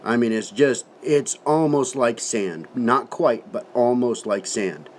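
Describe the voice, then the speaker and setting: A man talks casually to the camera in a folksy, colloquial way, his lip full of dip. His voice sits at a middle pitch, and there is clear background noise in the recording. It is an informal review, loose and plain-spoken. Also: slow. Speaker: tobacco product reviewer. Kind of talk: casual product review vlog, talking to camera.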